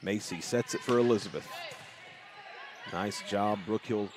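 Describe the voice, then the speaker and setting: A man doing play-by-play commentary for a school volleyball match, rising to shouts on big plays. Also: fairly low pitch, unhurried. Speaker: play-by-play announcer. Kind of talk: sports commentary.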